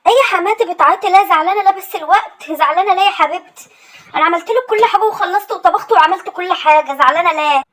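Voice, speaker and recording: A woman's voice: very high voice, very fast, fairly bright tone, low-quality recording. A woman playing a dutiful, patient young daughter-in-law with an Egyptian accent, answering meekly and obligingly in a comedy sketch. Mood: concerned. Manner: meek, obliging replies.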